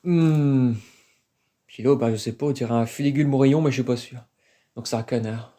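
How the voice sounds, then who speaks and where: Exploring an abandoned site outdoors, this man live-streams into a handheld phone, his medium-pitched, dark-toned voice moving a little fast. He sounds casual and hesitant, working through his thoughts out loud.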